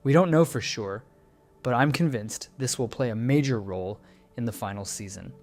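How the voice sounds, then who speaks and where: A man's voice: mid-range voice, moderate pace, a little mellow, faint music behind. A man hosting his channel, giving a scripted, analytical video-essay narration that keeps posing questions and answering them. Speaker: channel host breaking down a trailer.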